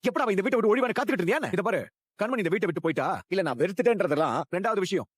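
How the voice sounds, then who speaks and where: A man voicing a fast-talking, contemptuous young husband. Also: high voice, animated, no echo, clean studio sound. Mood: angry. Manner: curt, cold and dismissive. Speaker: husband refusing a woman's advances. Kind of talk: dubbed TV drama dialogue.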